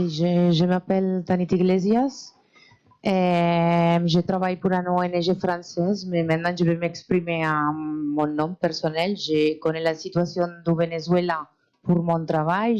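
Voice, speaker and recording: A woman's voice: on the low side, level tone, unhurried, a little mellow, smooth, highs cut off. A woman who is not a native French speaker, with a foreign accent in French, hesitantly putting a question at a public panel. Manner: hesitant, non-native phrasing. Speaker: audience member asking a question, NGO worker.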